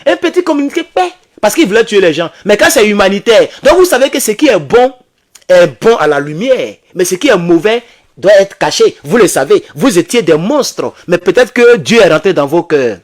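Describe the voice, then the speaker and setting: A man giving excitable political commentary to his viewers, calling them comrades and asking them questions. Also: sits high. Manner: reads English then translates haltingly.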